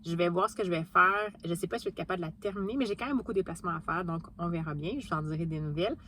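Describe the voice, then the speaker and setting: A woman's voice: on the low side, very fast, pushed and bright, a little hiss or hum. A woman with a Québécois French accent chatting casually about her reading, with many fillers and restarts. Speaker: book vlogger. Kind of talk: casual book vlog chat.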